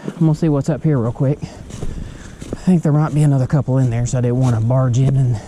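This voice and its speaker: A man's voice: mid-range voice, fairly even intonation, brisk, mellow. A man vlogging a hike on a forest trail, talking to viewers in a wry, chatty way as he walks with his phone in hand. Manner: chatty, wry, talks to viewers while walking. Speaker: hiking vlogger. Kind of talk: casual narration while hiking. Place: outdoor forest trail by a creek. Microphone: handheld phone. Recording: outdoor wind and creek noise.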